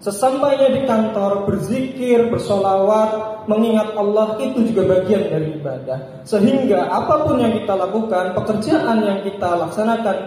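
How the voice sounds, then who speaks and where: Male preacher giving a Friday sermon, high voice, measured short phrases, deep hall reverb. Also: warm tone. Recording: echoey hall with long reverb.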